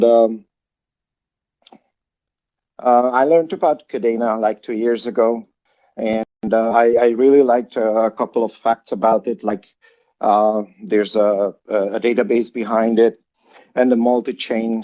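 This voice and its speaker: A Hungarian man who founded a project chats casually on a livestream, halting often and filling his speech with fillers and restarts. His voice is mid-range and a little mellow, and the recording has its highs cut off.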